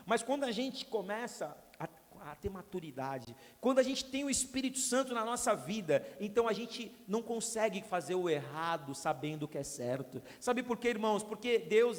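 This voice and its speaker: A young man, preaching a sermon as a pastor and telling stories with humorous asides to the congregation. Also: high voice. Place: church hall. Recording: long hall reverb.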